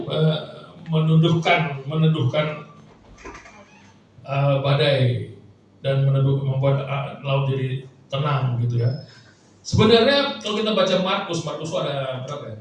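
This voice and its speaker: A man's voice: a little high, slight background noise. A male pastor preaching a casual, chatty sermon, joking and acting out prayers for the congregation. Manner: chatty, jokes and acts out prayers. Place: church hall. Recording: echoey church hall, mic far off.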